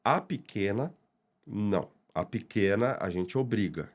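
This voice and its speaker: A man with a fairly low voice talks calmly on a podcast. He tells easygoing family anecdotes and slips into the voices of the people he quotes. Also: a little slow. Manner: relaxed anecdotes, quotes his daughter. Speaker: interviewee, father of two. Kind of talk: casual podcast chat.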